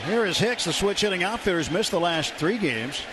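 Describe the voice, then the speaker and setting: An American radio announcer gives live baseball play-by-play from an outdoor ballpark booth, using short, descriptive phrases in a high-pitched, animated voice at a slightly fast pace. A loud crowd fills the noisy live broadcast.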